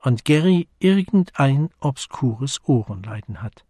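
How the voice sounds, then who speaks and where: A man voicing a brisk, questioning young gentleman in a story. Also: mid-range voice, animated, no echo, clean studio sound.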